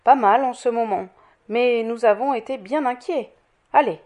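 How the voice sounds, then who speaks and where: A woman's voice: fairly high pitch, normal speed, a little mellow, natural voice. A woman voicing a timid, deferential nursing nun.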